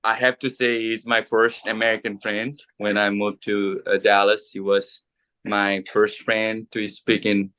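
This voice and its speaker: A pastor in his thirties, from Bhutan and a native Nepali speaker, telling his story in an interview with many pauses, fillers and restarts. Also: fairly low pitch, little pitch movement, bright, forceful tone, clean tone. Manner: hesitant, many fillers and restarts, halting English. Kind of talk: casual interview.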